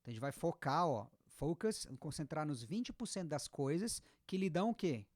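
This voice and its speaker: A woman with a Brazilian accent giving a casual online English lesson, explaining patiently and repeating example words slowly. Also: deep voice, sing-song, darkish tone, dry recording, studio quality. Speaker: English teacher.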